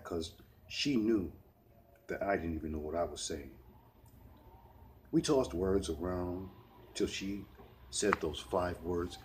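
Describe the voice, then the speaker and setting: A man reading a first-person story aloud with a heated, dramatic delivery. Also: low voice. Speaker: narrator.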